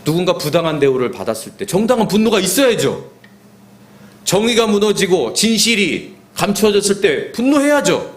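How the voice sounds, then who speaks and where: A man preaching a sermon as pastor, animated, dropping to soft asides. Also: high voice. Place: church sanctuary.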